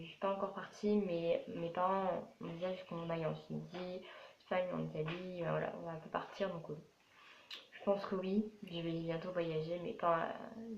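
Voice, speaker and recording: Answering viewer questions in a casual vlog to camera, a 12-year-old girl from France chats in a rambling, repetitive way. She has a lowish, creaky, slightly mellow voice, captured with faint noise, dull sound and roomy echo.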